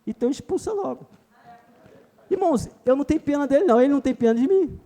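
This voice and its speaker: A man's voice: very high-pitched, animated, racing, warm tone. A man with a Brazilian Portuguese accent preaching a sermon at a church retreat, emphatic, repeatedly calling his listeners brother.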